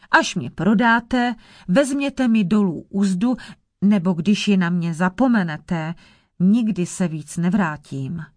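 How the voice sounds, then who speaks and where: Young son, clever and boastful, read by a woman, lively storybook voice. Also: mid-range voice, no room sound, studio quality, natural voice. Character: clever bold young son, a shape-shifter.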